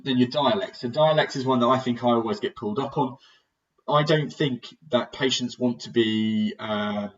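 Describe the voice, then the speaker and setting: British guy talking through a physio lecture, kinda low voice, plain chatty way, sounds far off and muffled. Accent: British English. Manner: plain-spoken, conversational, admits sounding monotonous. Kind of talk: recorded lecture talkthrough. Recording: distant mic, dull lo-fi sound.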